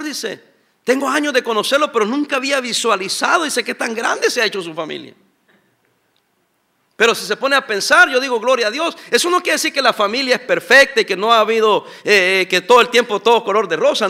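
A man's voice: extremely high pitch, pushed and bright. A middle-aged man, a pastor preaching a sermon and asking his congregation for responses. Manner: preaching with call-and-response questions.

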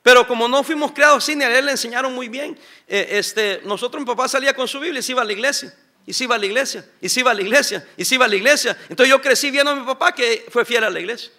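High, bright-voiced preaching pastor. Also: male voice, very fast. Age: middle-aged. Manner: preaching with call-and-response questions. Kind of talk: sermon.

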